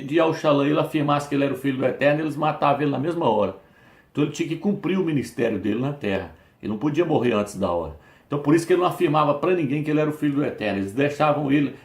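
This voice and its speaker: A man's voice: on the high side, a little mellow, reverberant. A man preaching insistently to his listeners, often calling them brother, reading and quoting scripture aloud. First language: Portuguese. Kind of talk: preaching to camera.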